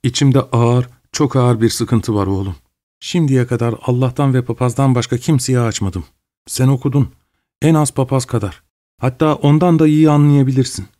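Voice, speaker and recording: A man's voice: medium pitch, normal speed, warm tone, close to an everyday voice. A man voicing an older, pious mother who speaks with tearful sorrow in a read-aloud story. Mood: sorrowful.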